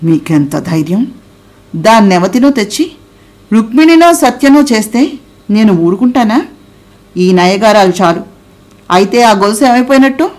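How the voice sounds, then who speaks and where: A woman's voice: a little high, lively intonation, moderate pace, long pauses. Woman reading as a furious, jealous young wife. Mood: angry. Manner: sharp, demanding questions.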